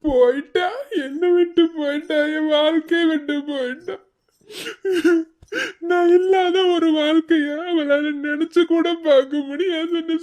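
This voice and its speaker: A woman acting out a young cartoon husband who is falling apart, wailing in a very high, slow, broken voice with a Madurai Tamil lilt. He sobs and drags out every line. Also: a little mellow. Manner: wailing, broken, drawn-out lines. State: crying. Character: heartbroken young husband, sobbing and pleading.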